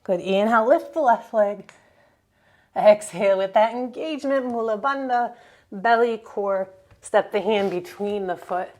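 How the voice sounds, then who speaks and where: A woman teaching a yoga class, giving calm step-by-step cues for breath and movement. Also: medium pitch, a little slow. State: slightly out of breath at times. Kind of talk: guided yoga class instruction.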